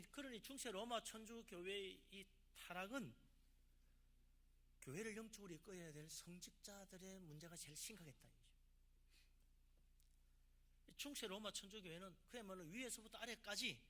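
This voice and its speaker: A man's voice: high-pitched, normal speed, pauses often, bright, forceful tone. A man, a pastor from South Korea, preaching a sermon with emphatic delivery and rhetorical questions.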